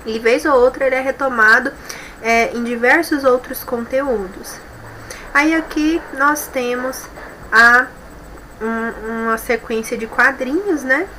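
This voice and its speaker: A Brazilian woman teacher giving a recorded class lesson, reading from a textbook and explaining slowly, often tagging sentences with a questioning "né?". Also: high voice, bright, forceful tone, a little hiss or hum, low-quality recording. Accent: Brazilian Portuguese. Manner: explains slowly with frequent "né?" tags.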